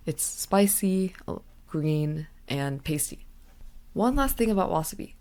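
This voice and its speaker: A woman's voice: deep voice, creaky, darkish tone. A woman hosting a casual language lesson podcast, explaining in a chatty way with fillers and asides. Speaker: podcast host.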